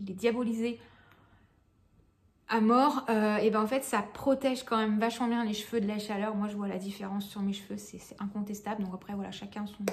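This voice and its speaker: A woman chatting casually about beauty products she has used up, full of fillers, restarts and frank remarks. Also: medium pitch. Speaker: beauty vlogger.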